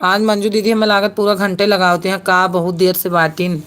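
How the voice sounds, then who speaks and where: A woman's voice: mid-range voice, level tone, moderate pace, a bit bright. A woman hosts a casual live stream on her phone and chats away. She reads viewer comments aloud, greets people one by one and laughs often.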